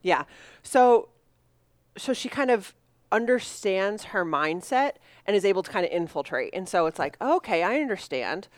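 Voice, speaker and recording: A woman chatting casually on a podcast about a story, often acting out quoted lines in lively voices. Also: mid-range voice, normal speed, dry recording, clean studio sound. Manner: animated, acts out quoted dialogue. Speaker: podcast co-host. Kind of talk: casual book discussion.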